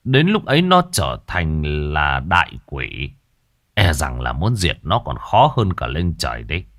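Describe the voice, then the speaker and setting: A man voicing a shrewd exorcist master who speaks in a measured, authoritative way. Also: extremely low pitch, wildly swooping pitch, a bit bright, full character voice. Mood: calm. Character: shrewd male exorcist master, calm and mercenary.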